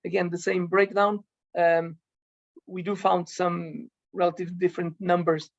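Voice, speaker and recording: A man presents technical findings at a conference, stopping often with ums and restarting his sentences. His voice sits fairly high but stays flat and even. The sound is dry and dull, with a lo-fi quality. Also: vocal fry, no echo. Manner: halting, frequent ums and restarts. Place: conference event.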